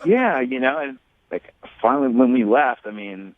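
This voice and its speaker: Male caller, rambling and halting, dry tinny phone line. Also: mid-range voice, animated, dry recording. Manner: rambling, hesitant, many restarts. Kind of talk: phone call on a radio show.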